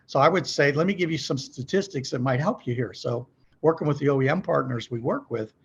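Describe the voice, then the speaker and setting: Speaking a little fast in a creaky, husky, medium-pitched voice, a middle-aged executive guesting on a podcast discusses business practice. He keeps it folksy and conversational, frequently asking questions and checking in with the listener, and the audio is lo-fi.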